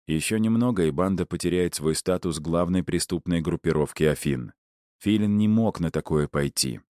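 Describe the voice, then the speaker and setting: Male audiobook narrator, deep voice, dry close recording, wry storytelling. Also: normal speed, darkish tone, no echo. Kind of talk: first-person audiobook narration.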